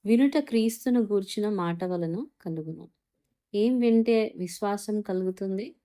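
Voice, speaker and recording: A woman giving an earnest devotional Bible talk, speaking straight to the listener and reading verses slowly. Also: medium pitch, dark tone.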